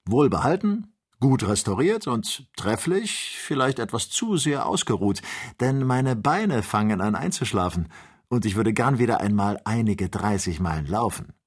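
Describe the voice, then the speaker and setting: A man's voice: lowish voice, animated, moderate pace, breathy edge. A man reading the part of a cheerful, mocking male servant on a balloon journey in an audiobook. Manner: jubilant and mocking, raised voice.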